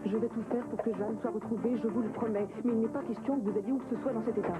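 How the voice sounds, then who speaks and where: Fast-talking, anxious, caring actress as a woman. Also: fairly high pitch, steady tone, lightly acted, rough recording. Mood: insistent. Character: anxious, caring, insistent woman watching over a troubled man. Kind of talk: dubbed TV soap acting. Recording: loud music behind the voice.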